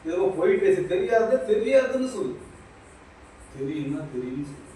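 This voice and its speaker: A man's voice: high-pitched, sing-song, normal speed, warm tone. A man giving an impromptu spiritual talk as a teacher, preaching with lots of repetition and questioning his listener directly. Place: small shop. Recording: very echoey, distant mic, faint noise.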